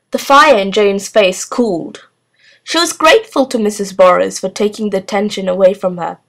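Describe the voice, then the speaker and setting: A woman reads a children's novel aloud, narrating at a steady pace. Her voice sits at an ordinary middle pitch, and her delivery is clear and measured. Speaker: storybook reader.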